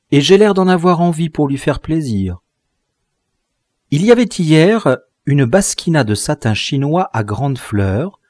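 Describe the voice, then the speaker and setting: A man reading the part of an eager, tender young bride in an audiobook, in a gentle, affectionate tone. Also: on the high side, no echo, clean studio sound.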